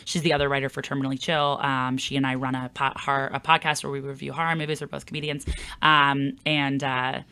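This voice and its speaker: A woman's voice: a bass voice, level tone, a little fast, pushed and bright, smooth. A woman comedian from the Philadelphia area, chatting casually as a podcast guest with many fillers and restarts.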